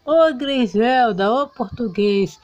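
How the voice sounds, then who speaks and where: A woman's voice: on the high side, expressive, slow, a little mellow, dull audio. A woman voicing a lovesick man who keeps courting a woman in a doll soap opera. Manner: pushy, lovesick. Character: lovesick male suitor, persistent.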